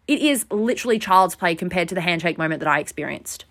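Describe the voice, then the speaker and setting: A young woman on a podcast rambles through a self-deprecating story in a relaxed, animated way, clearly overtired. She speaks quickly in a lowish voice.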